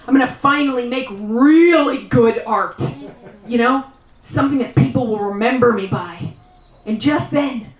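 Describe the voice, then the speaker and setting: Wry woman comic in a roomy venue. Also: fairly high pitch. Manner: wry, self-mocking delivery with sudden shouted bursts. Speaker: stand-up comedian. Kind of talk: live stand-up comedy set. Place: small live venue. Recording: roomy live sound from a distant mic.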